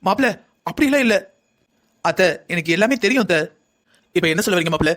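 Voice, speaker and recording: With a high voice, lively intonation, and a fairly bright tone, this fast-talking man plays a whole family in a cartoon drama. The scene is a heated, argumentative back-and-forth quarrel.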